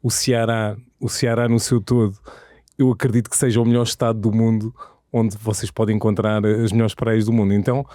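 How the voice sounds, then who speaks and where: A man's voice: on the low side, level tone, fairly quick, mellow, no room sound, clean studio sound. A man from Portugal with a European Portuguese accent, speaking reflectively as an interview guest and searching for words. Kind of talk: casual interview.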